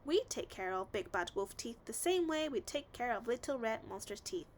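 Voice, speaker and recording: A woman reads the part of a reassuring female dental assistant in a children's storybook, explaining things playfully at a moderate pace with light acting. Her voice is high and very lively, with faint noise in the background.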